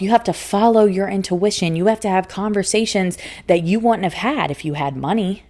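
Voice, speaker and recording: Her voice lowish and mellow, a life coach gives an earnest, emphatic solo talk on her spiritual self-help podcast. She laughs often and repeats phrases for emphasis in this motivational episode.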